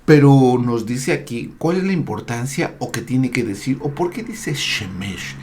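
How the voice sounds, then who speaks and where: A man teaching a slow, deliberate lesson on Torah, spelling out Hebrew words and letters with frequent hesitations. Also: mid-range voice, animated, darkish tone, a little hiss or hum. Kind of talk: slow explanatory Bible lesson.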